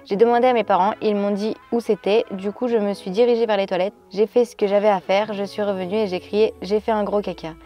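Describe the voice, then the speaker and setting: Fast-talking chatty French woman vlogger. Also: medium pitch, highs cut off, faint music behind. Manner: chatty, animated reactions. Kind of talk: casual chat reading viewer stories.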